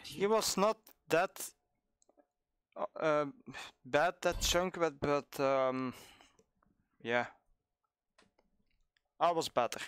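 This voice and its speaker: A Belgian man whose first language is Dutch, chatting casually with teammates in halting English while streaming a team shooter. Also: a little high, animated, smooth, no room sound, clean studio sound. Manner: hesitant, halting English with fillers. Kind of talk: casual gaming chat with teammates. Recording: game music loud behind. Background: game music.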